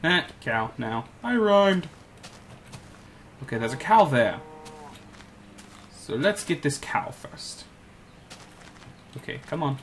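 A man's voice: fairly high pitch, big pitch swings, slow pace, long pauses, fairly bright tone, slight background noise. A man giving casual commentary while playing a video game, muttering to himself and coaxing in-game animals. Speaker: gameplay commentator. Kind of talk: casual let's-play commentary.

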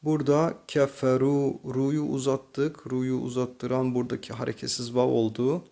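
A man with a Turkish accent teaching slow Quran reading, patiently explaining each letter and then reciting the words slowly and drawn out. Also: medium pitch, flat delivery, creaky, warm tone. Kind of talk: slow tajweed reading lesson.

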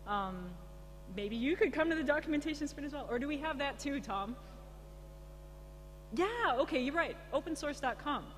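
A woman speaking informally on a conference panel in a large, echoing room, answering questions conversationally. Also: mid-range voice. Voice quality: echoey. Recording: echoey hall, humming background noise.

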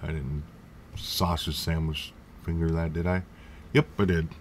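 Slow, low-voiced man rambling through a tutorial. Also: flat delivery, noisy background. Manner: rambling, self-correcting, jokey asides. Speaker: tech tutorial host. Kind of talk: casual screen-recorded tutorial.

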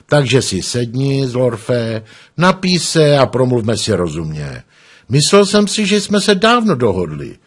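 Brief: man playing a shrewd thieves' boss, sly and mocking, lively. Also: mid-range voice, husky.

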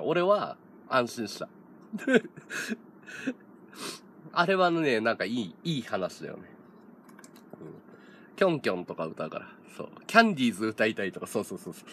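A male streamer in his thirties tells a story during casual chat, laughing often and acting out other people's lines. His voice is medium-pitched and a bit bright, with a little hiss or hum in the audio.

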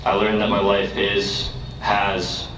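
A young American man gives an earnest commencement speech as student speaker at an outdoor lawn podium, eventually declaiming emphatically. His fairly low voice has a fairly bright tone but stays monotone and slow. Recorded from the podium mic by a distant camera, it has roomy, distant, dull outdoor PA sound and slight background noise.

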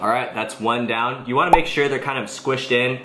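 A man's voice: medium pitch, a little fast, very noisy. A young man in his twenties giving a casual step-by-step cooking how-to in a home kitchen, explaining in an easygoing way. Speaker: fitness vlogger.

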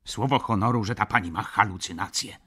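A man's voice: fairly low pitch, a little fast, sharp tone, breathy edge. A man reading an audiobook, voicing a smug young male student who speaks with sweet, mocking politeness. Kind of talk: audiobook character voice.

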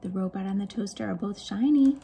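A middle-aged woman leads a children's storytime as a youth librarian, reading picture books aloud with expression and chatting with her young listeners through questions and asides. Her voice is medium-pitched, fairly quick, creaky and warm, with slight background noise.

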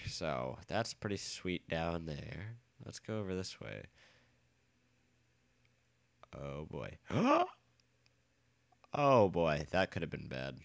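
A man's voice: low voice, gravelly, a bit bright, no room sound. A man giving casual, rambling commentary while playing a game, nasal from a cold, joking and swearing freely. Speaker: let's play host.

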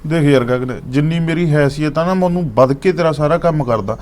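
An actor playing a hard-up young husband with a Malwa Punjabi accent, talking fast in a fairly high voice. He stays placating and reasonable, soothing his angry wife in a short drama. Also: a little mellow, close to an everyday voice. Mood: reasoning. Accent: Punjabi, Malwa region. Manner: pleading, soothing, keeps offering tea.

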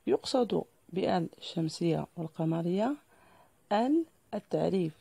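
A woman teacher with a Moroccan accent, explaining a lesson to pupils slowly and deliberately, spelling out each example. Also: on the low side, expressive, creaky, dark tone, slightly rough, no room sound.

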